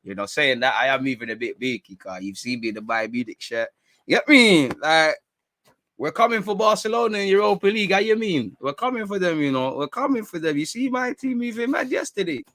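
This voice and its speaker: A young man, hosting a football talk stream in a rambling, slangy, excitable way. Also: fairly high pitch, brisk, dry recording. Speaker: football channel host. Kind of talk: casual livestream chat.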